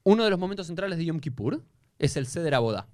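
A man with an Argentine Spanish accent, a rabbi talking in a casual conversation, explaining with animated restarts. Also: fairly high pitch, fast talker, no echo, clean studio sound.

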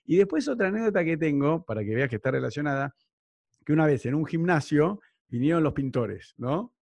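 An Argentine man hosts a casual interview, spinning anecdotes and checking in with constant tag questions. His voice has a gravelly fry, and the sound is dry and close with no room around it. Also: on the high side, a little fast, no echo. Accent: Argentine Spanish. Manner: animated anecdote-telling with frequent tag questions. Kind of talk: casual conversation.

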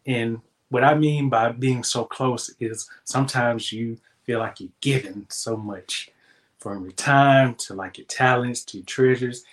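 Male devotional host, casual and encouraging, mid-pitched voice. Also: unhurried. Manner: upbeat, encouraging, loose and conversational.

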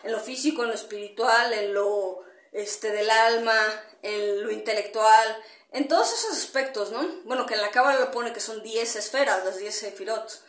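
A woman's voice: fairly high pitch, normal speed. Rambling woman podcaster, roomy echo. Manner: rambling, frequent fillers and tag questions; greets listeners mid-talk. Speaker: podcast host. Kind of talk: casual solo podcast monologue.

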